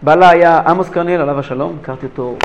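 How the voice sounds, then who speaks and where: A man teaching a religious lesson who tells stories with animated, repeated phrases for emphasis. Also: a little high, muffled recording, slight background noise. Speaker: rabbi teacher. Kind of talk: lesson storytelling.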